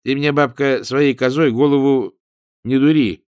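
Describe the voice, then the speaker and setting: A man voicing a pushy, rough young village woman in an audiobook, with a brusque, demanding manner. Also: medium pitch, steady tone, measured pace, darkish tone, dry recording, studio quality, pitched above the performer's own voice, natural voice.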